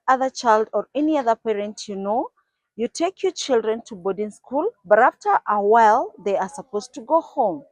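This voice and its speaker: A Kenyan woman in her forties, speaking in a mid-range voice, earnestly narrates her life story to her channel's audience. She reflects as she goes and restarts now and then. The recording is dry and of low quality.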